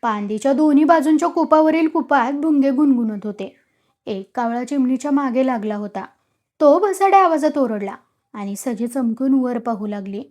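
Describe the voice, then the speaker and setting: A woman narrates a village tale in a high voice, reading with dramatic flair. Her telling is vivid and expressive, leaning into the tension of each scene. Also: moderate pace. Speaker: storyteller.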